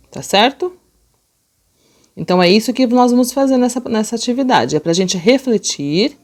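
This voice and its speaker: A woman teacher with a Brazilian Portuguese accent, explaining a lesson to young children and slowly sounding out words. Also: mid-range voice. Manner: slow, drawn-out sounding out of words; gentle, patient explaining to children. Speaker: primary school teacher. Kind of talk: remote class lesson.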